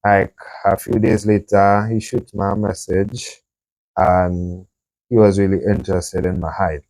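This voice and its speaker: A teenage sprinter talking casually about his running, in a relaxed, slangy way. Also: low voice, measured pace, no room sound. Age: teens. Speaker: young sprinter guest. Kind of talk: casual interview chat.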